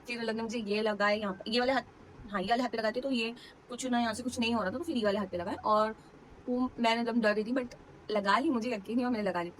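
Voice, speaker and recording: A woman's voice: fairly high pitch, steady tone, fast talker, a little hiss or hum, rough recording. A young woman vlogger, casually telling a personal story to camera, emotional and full of fillers. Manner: chatty, emotional retelling with many fillers.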